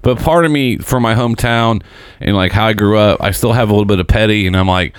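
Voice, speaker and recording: A man in his forties hosting a casual podcast chat, blunt and profane, quick to make fun of himself. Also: fairly low pitch, clear, resonant tone, no echo. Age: 40s. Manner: blunt, profane, self-mocking.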